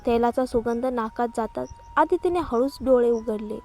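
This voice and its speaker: Woman narrating a story with pitch slightly high. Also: normal speed, a little mellow, a little hiss or hum. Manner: voices all the characters herself with little change of voice; small slips and restarts.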